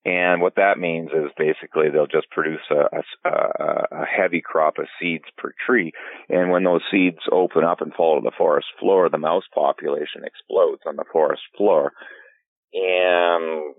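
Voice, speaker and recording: A man, a fly fishing guide and filmmaker, answering in a relaxed podcast interview and rambling through many restarts. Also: a bass voice, normal speed, dry recording. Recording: tinny phone-like line.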